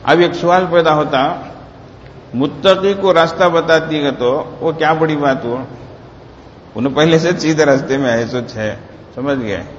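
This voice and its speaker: Preacher in an echoing hall. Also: male voice, fairly high pitch, slight background noise. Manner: rhetorical questions to the audience; slow emphatic phrases on religious words. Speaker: Islamic preacher. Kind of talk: Ramadan sermon. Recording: roomy long reverb, dull lo-fi sound.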